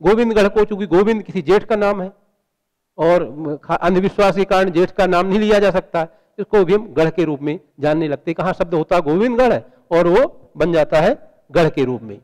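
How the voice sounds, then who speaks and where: A man's voice: high voice, normal speed, darkish tone, in a large hall, low-quality recording. A man giving a university lecture, explaining patiently with many examples and rhetorical questions.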